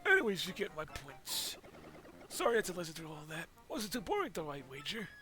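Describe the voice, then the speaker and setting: A rambling, forgetful old turtle. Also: male voice, fairly high pitch, wildly swooping pitch, a little fast, pushed and bright, soft background music, voice pushed up, heavily acted. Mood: apologetic. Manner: rambling, keeps losing his train of thought.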